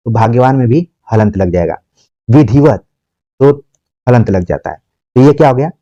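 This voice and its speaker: A man's voice: mid-range voice, dark tone, dry recording. Patient man teaching grammar. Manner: explains patiently, repeats words slowly and asks rhetorical questions. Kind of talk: exam-prep grammar lesson. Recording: dull, muffled dry recording.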